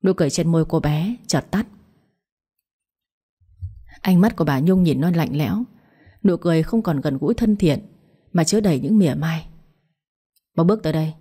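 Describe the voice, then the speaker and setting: A woman reading a dramatic story aloud as a narrator, in a steady, even way. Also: sits low, moderate pace, pauses often, slightly rough.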